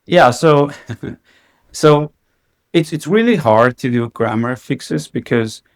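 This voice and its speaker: Speaking slowly in a mid-range voice, a man who runs a company chats casually as a podcast guest. He leans heavily on the filler "like" and keeps restarting his sentences.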